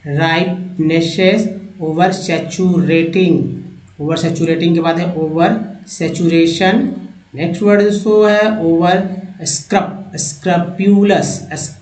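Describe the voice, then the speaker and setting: Man, vocabulary teacher, high voice, slow repetitive reading, roomy echo. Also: darkish tone. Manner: reads words slowly, repeats each one, addresses viewers as friends. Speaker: English teacher. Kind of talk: Hindi English-vocabulary lesson.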